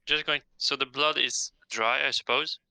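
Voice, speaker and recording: A man's voice: medium pitch, fairly even intonation, normal speed, vocal fry, bright, forceful tone, smooth, no echo, low-quality recording. A man playing a tabletop game, carefully checking details with questions. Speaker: player. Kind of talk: casual tabletop game chat.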